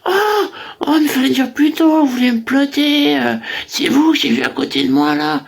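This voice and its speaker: A man doing a shrill squealing young woman. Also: sing-song, moderate pace, creaky, heavily acted. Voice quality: shrill falsetto.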